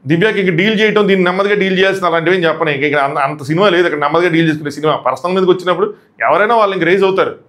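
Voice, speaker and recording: A man giving live commentary on a reality show, retelling events animatedly and acting out what people said. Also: sits high. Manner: rapid animated retelling that acts out quotes.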